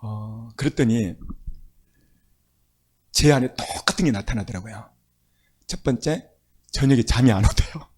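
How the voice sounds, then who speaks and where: A man's voice: mid-range voice, a little slow, long pauses, darkish tone, husky. A male pastor preaching a sermon, telling stories with emphatic, rising exclamations.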